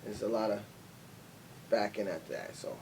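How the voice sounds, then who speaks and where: Streetwise New guest promoter. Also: male voice, lively intonation, normal speed, gravelly, a little mellow. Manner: streetwise slang, boastful, repeats "you know". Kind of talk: casual interview chat. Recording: distant mic with faint rumble.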